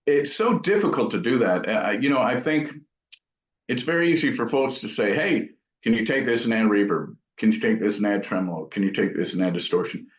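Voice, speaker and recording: Brisk and animated, a lowish-voiced man talks about his work as a guitar amp builder in a casual interview, thinking aloud and revising what he says as he goes. The recording has a roomy, dull, lo-fi quality.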